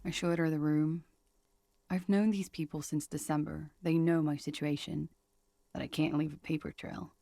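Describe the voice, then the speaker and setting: A guarded young woman in a video game, frightened of those hunting her. Her low voice is heavily creaky and gravelly. She confesses in a measured, weary way, recorded dry and close. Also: little pitch movement, warm tone, no room sound.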